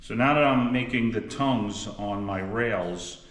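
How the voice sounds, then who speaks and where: A woodworker shows how to build cabinets, talking in a lowish voice at a measured pace. His manner is straightforward and practical, like someone teaching shop class. The workshop echoes, and background noise is clearly audible.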